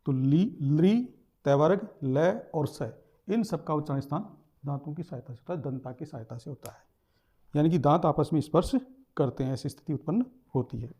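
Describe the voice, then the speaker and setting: Slow-explaining male teacher, mellow voice. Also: fairly high pitch. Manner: explains slowly, repeating terms and sounding out letters. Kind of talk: classroom lesson explanation.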